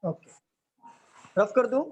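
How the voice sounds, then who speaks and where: A man's voice: takes it slowly, a little mellow. A man teaching a reasoning class in a live online lecture. He explains step by step, keeps quizzing his students, and mixes English terms into Hindi. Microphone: online lecture stream. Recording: dull lo-fi audio with faint noise.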